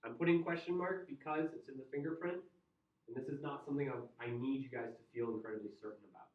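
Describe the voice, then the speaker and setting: Speaking quickly in a mid-range voice, a Midwestern American man lectures a chemistry class in a joking, conversational style and quizzes the students. The recording has a dull, distant, roomy classroom quality.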